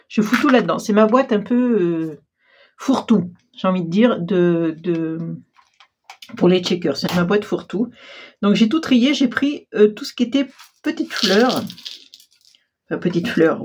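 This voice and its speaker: A woman hosting a casual crafting tutorial, chatty and self-deprecating, full of fillers and clearing her throat often. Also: medium pitch, darkish tone, slight background noise. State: frequent throat clearing, frog in throat. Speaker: crafting channel host.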